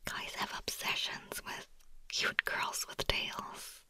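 A woman's voice: takes it slowly, no room sound. A woman whispering as a nervous broke young woman. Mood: nervous, pleading. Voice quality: breathy whisper. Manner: soft, confiding, pleading. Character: anxious broke young woman, pleading, self-deprecating. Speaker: ASMR roleplay performer. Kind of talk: whispered ASMR roleplay.

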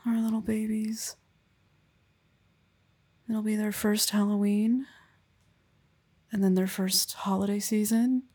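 A woman playing an affectionate young wife and mother, speaking softly and intimately, often in a whisper, in an ASMR roleplay close to the mic. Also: medium pitch, full character voice. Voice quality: breathy. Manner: soft, intimate, often whispered, with small laughs. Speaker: roleplay performer. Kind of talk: soft-spoken ASMR roleplay.

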